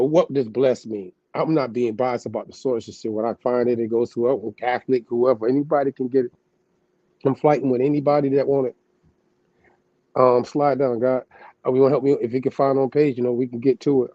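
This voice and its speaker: A man's voice: mid-range voice, steady tone, fairly quick, mellow, no echo, lo-fi sound. A man hosting a podcast who switches between casual slangy talk and reading passages aloud, often turning to a listener he calls God. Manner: loose slangy asides, calling the listener "God".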